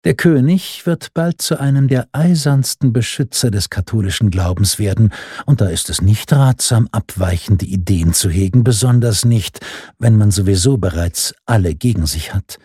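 A man's voice: fairly low pitch, normal speed, dark tone, slightly rough, dry recording, studio quality. A man voicing a cruel, mocking noblewoman at a royal court, haughty and sneering, in an audiobook reading.

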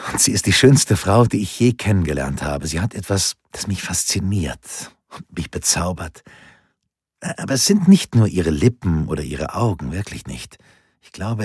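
A man's voice: low voice, very animated, a little slow, a little mellow, husky, dry recording, clean studio sound, full character voice. A man voicing a persuasive Renaissance ruler urging a friend, in a pleading, earnest way. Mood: urgent.

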